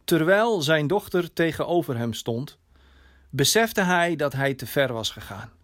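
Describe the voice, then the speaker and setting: A man reading a dramatic story in a slow, measured way, his voice sinking softly at line endings. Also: fairly high pitch, lively intonation. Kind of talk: scripted dramatic narration.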